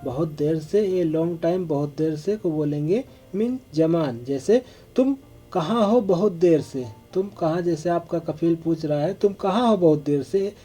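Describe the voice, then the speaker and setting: A man's voice: on the high side, unhurried, warm tone, soft background music. A man giving a spoken language lesson, repeating each phrase methodically. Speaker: language teacher.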